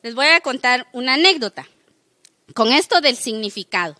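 Lively high-voiced woman teaching a faith class. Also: normal speed, no room sound, studio quality. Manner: animated, keeps checking in with the listeners. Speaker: religious formation teacher.

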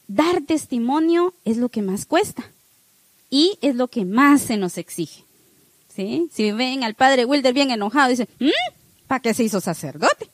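A woman's voice: sits high, dry recording. A woman giving a parish catechesis talk, chatty and full of rhetorical questions to her listeners.

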